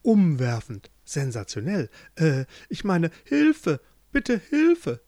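A man's voice: fairly high pitch, sing-song, a little slow, a little mellow, no room sound, full character voice. A man voicing a desperate young man in a spoken fairy tale, earnest and anxious. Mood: flustered. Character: desperate young man searching for his love.

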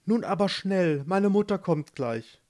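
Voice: medium pitch, lively intonation, a little slow, pitched above the performer's own voice, close to an everyday voice. A narrator doing timid young Rapunzel. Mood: flustered. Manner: soft, timid. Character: sweet, timid young maiden in a tower.

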